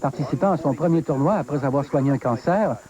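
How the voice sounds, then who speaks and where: A male sports reporter with a Quebec French accent narrates golf highlights from a script. His voice sits a little high for a man, with a very soft, mellow tone, in the manner of a golf commentator. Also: quick pace.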